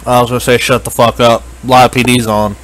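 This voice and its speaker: A man's voice: medium pitch, little pitch movement, brisk, a bit bright. A young man in casual gaming chat with friends, trading crude, teasing banter. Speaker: streamer.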